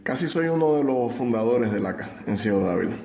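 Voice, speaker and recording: A middle-aged man with a Cuban accent answers interview questions, pausing and restarting as he thinks. His mid-pitched voice rings out in a room with long, hollow reverb. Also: creaky. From Cuba. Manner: relaxed, hesitant, with restarts and fillers. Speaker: visual artist and art teacher.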